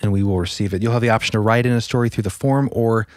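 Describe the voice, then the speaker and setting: A man's voice: lowish voice, racing, no echo, studio quality. A man co-hosting a podcast in casual, upbeat chat. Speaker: podcast co-host.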